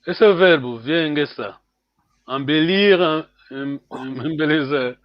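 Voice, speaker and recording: A man teaching a language class over a call, repeating words slowly and checking in with "hein" after nearly every phrase. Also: a little high, no echo, lo-fi sound. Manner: switches between French and Portuguese.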